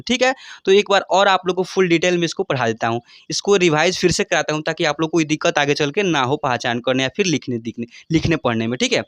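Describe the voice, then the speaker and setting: A man's voice: high-pitched, fairly bright tone, clean tone, no echo. Patient male teacher, dry sound. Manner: slow, repetitive, checks in often with "ठीक है?"; drawn-out letter names for recitation. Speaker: English teacher. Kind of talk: basic alphabet lesson.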